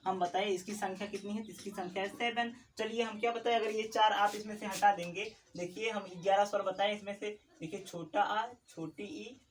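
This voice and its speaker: A male Hindi grammar teacher giving a classroom lesson. He asks a question, answers it himself and repeats the key words, and slows down to stress definitions. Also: high voice. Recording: voice a bit distant from the mic, faint background noise.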